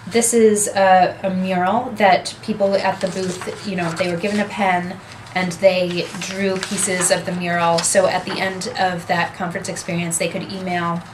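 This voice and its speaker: Filmed by a camera on the far side of a small office conference room, a young adult woman leads a seminar workshop, gesturing as she explains steadily. She speaks at a moderate pace in a lowish, level tone over a noisy background.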